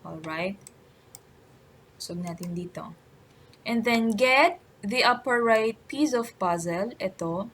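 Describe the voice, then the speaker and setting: A woman with a Filipino accent presenting a step-by-step software tutorial in an instructional way, often adding short check-in tags. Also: mid-range voice, lively intonation, slow, long pauses, slight background noise.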